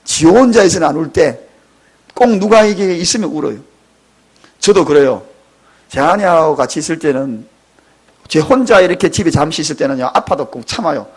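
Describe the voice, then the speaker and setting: A high-pitched, husky-voiced pastor in his fifties delivers an emotional church sermon. He swings between quiet asides and dramatic, near-tearful cries. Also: expressive, moderate pace, pauses often. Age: 50s. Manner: emotional, dramatic preaching with sudden loud cries. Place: church sanctuary.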